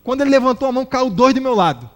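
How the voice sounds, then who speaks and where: A man with a Brazilian accent giving a public lecture at a spiritist center, an animated storyteller who acts out the characters. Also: very high voice, rapid-fire. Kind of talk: public lecture with humorous anecdotes.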